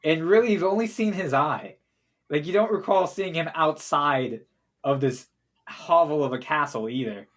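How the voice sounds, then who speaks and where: A man's voice: a little high, normal speed, a bit bright. A man narrating as game master of a tabletop role-play game, casually and with lots of fillers.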